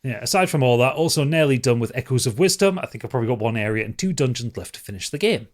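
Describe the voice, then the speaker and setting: With an expressive, medium-pitched voice and a quick pace, a male podcast co-host chats casually, swears now and then, and delivers dry humour while reading listener feedback aloud.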